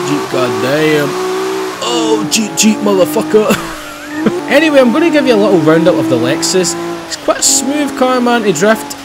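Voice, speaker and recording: A Scottish man with a slightly high voice talks casually as he plays, breaking into loud excited outbursts and cursing freely. Loud racing engines and squealing tires sit right under his voice throughout. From Scotland. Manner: excitable, swears freely, loud outbursts and laughs while driving. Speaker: gaming channel host. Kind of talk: casual gameplay commentary. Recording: loud game engine and tire noise behind voice. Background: racing game car engines and tire squeal.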